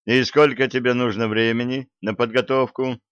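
A man's voice: medium pitch, flat delivery, moderate pace, a bit bright, smooth, dry recording, pitched above the performer's own voice, close to an everyday voice. A man voicing a cheeky, brash young male royal gossip. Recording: dull lo-fi dry recording.

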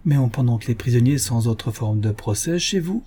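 A man's voice: mid-range voice, expressive, normal speed, dark tone, breathy edge. A man voicing a captured young spy who groans and speaks in a bittersweet tone, in a read-aloud adventure story. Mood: sour. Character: captured young male spy, whining and sour.

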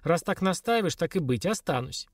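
A man's voice: fairly high pitch, expressive, moderate pace, no room sound, studio quality, faint music behind, voice pushed up. A man voicing a sly young woman who answers offhandedly and mockingly. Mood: cool.

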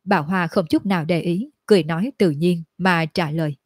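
A woman reading a fantasy novel aloud at a steady pace. Her voice is low and breathy, recorded close with a dry sound. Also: a little fast, dry recording. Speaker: audiobook narrator. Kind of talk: scripted narration of a fantasy novel.

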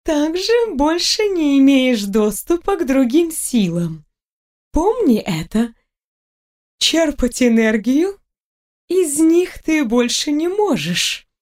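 A woman voicing a playful, ancient female water spirit, a mermaid, speaking in slow, bright, teasing lines. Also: high-pitched, sing-song, pitched above the performer's own voice, exaggerated voice.

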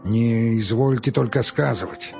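A man voicing a stern, gruff forest warden who speaks curtly and commands. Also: medium pitch, measured pace, a little mellow. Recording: dull audiobook recording with faint music.

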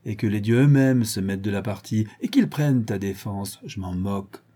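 A man playing a vengeful storybook villain, ranting, gloating, mellow husky voice. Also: fairly low pitch, moderate pace. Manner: ranting, gloating, swings from shouts to hisses. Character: cruel, unhinged middle-aged male villain, vengeful. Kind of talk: audiobook character reading.

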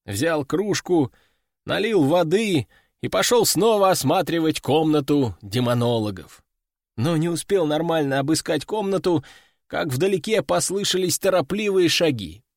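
A man's voice: a little high, no echo, clean studio sound. A man narrating an audiobook in the first person, with a wry, ironic storytelling manner.

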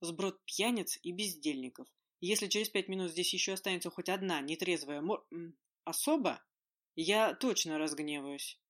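A reader playing an exasperated adult king in a spoken fantasy story, commanding and scolding, his voice firm and carrying. He talks in short sharp orders. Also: high-pitched, lively intonation, brisk. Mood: angry. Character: stern irritated adult male king.

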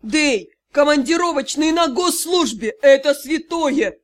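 A woman reading a composed male magister who gives formal, measured instructions. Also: sits high, animated.

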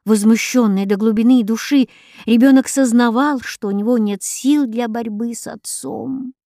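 A woman reading a story aloud as an audiobook narrator, in a measured, even manner. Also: a little high, no echo, clean studio sound. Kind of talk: scripted narration.

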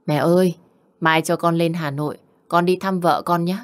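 Woman doing a worried young husband, pleading, low voice, audiobook. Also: steady tone, moderate pace, natural voice.

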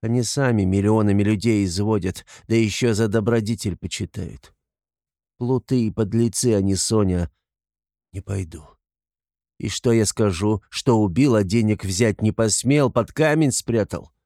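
A man playing a tormented, gloomy young man who speaks bitterly and often quietly in a storybook reading. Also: fairly low pitch, normal speed, no echo, studio quality, natural voice.

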